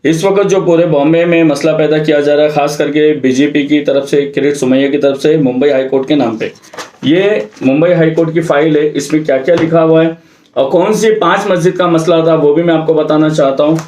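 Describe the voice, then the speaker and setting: A religious committee secretary gives an explanatory public address in an echoey room, speaking emphatically and step by step. His voice is on the high side with a darkish tone.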